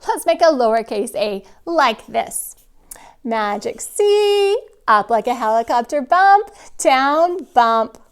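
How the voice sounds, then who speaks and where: A woman's voice: fairly high pitch, expressive, unhurried, smooth. A woman teaching young children step by step like a kids show host, with simple, encouraging prompts. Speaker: children's drawing and spelling teacher. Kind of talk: kindergarten lesson, step-by-step instruction to children.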